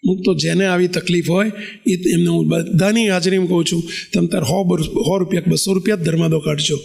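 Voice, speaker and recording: A man, a swami giving a sermon and putting animated rhetorical questions to his congregation. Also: high voice, a little fast, creaky. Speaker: swami giving a religious discourse.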